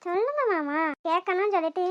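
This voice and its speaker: A woman voicing a shy, teasing young wife in a cartoon who talks softly. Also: very high voice, animated, fast. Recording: dry, dull lo-fi sound.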